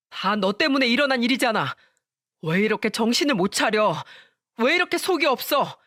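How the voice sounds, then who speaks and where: A woman's voice: mid-range voice, a bit bright, no room sound, studio quality, natural voice. A woman voicing a remorseful young married man who begs forgiveness from his brother in a storytelling radio drama. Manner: apologetic, pleading, then exasperated.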